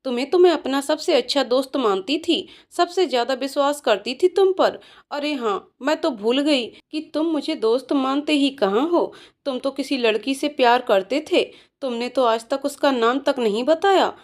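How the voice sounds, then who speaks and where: A woman's voice: sits high, moderate pace, few pauses, natural voice. A woman voicing a grieving young widow, tearful and accusing in her lines. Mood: bitter. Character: grieving young widow, bitter new bride.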